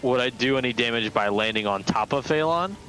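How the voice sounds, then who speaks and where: A man's voice: medium pitch, animated, a little fast, noisy background. A man chatting casually as a player in a tabletop role-playing game. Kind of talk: casual chat.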